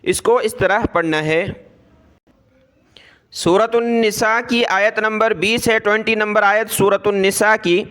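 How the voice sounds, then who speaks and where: A man with a Pakistani Urdu accent gives a tajweed lesson, breaking difficult Quranic words into letters and vowel marks. His voice sits high and sounds bright and very clear. He draws out the recited words slowly and explains each rule at a quicker clip. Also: steady tone. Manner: slow drawn-out recitation of words between brisk explanations. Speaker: Quran reading teacher.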